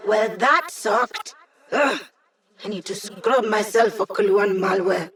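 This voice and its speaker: An actress playing a brisk, confident young female hacker, giving casual, wry, technical mission support in a video game. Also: mid-range voice, expressive, gravelly, fairly bright tone, full character voice. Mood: disgusted. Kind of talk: scripted video game voice acting.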